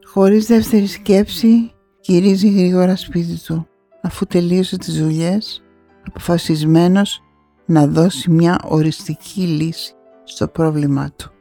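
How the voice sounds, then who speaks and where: A woman narrating a fairy tale in an expressive storytelling manner. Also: fairly low pitch, faint music behind. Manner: expressive, rising on key moments.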